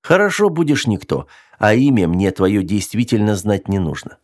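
Male narrator as a cool, low-voiced captain, calm, wry authority. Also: normal speed. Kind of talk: audiobook character voice.

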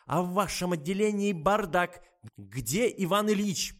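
A shrill, bossy middle-aged woman doctor, as a man puts her on for an audiobook, scolding in raised, loud bursts. The voice is pushed high above his own and swings widely. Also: lively intonation, a little slow. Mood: demanding.

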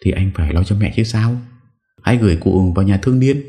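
A man's voice: on the low side, fast, dark tone, voice pushed up, natural voice. A man voicing an anxious but firm middle-aged mother who talks in an urgent, agitated way.

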